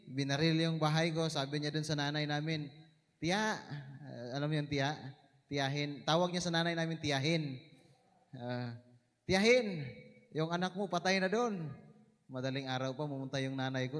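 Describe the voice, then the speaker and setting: A man with a Visayan accent sharing an animated personal testimony in church, his voice rising at the dramatic moments. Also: medium pitch. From Mindanao, Philippines. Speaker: church member giving testimony. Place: church hall. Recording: echoey church hall.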